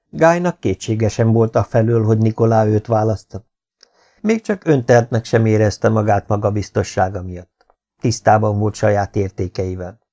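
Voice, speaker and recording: A man narrating a historical romance audiobook in an even storytelling read. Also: lowish voice. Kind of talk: scripted narration.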